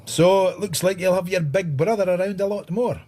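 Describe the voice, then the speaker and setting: An actor playing a wry, stubborn maverick detective inspector with a Scottish accent and a dry, sardonic manner in a radio drama. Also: male voice, high-pitched, normal speed, darkish tone, natural voice. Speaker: lead actor and narrator. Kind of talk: radio drama acting and first-person narration.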